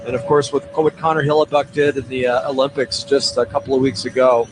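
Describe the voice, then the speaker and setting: A man's voice: medium pitch, level tone, fairly quick. A male color commentator breaking down a hockey matchup on radio in a loose, conversational way with lots of fillers. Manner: conversational, many fillers and restarts. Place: arena broadcast booth. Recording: noisy arena radio feed.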